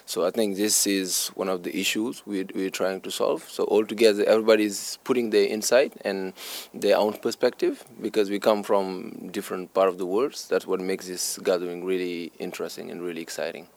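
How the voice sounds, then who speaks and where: A man with a Senegalese accent speaks in a deep register with a creaky, gravelly edge. He answers interview questions earnestly, repeating phrases for emphasis like a committed teacher. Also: little pitch movement, brisk, hardly any pauses. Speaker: English teacher being interviewed.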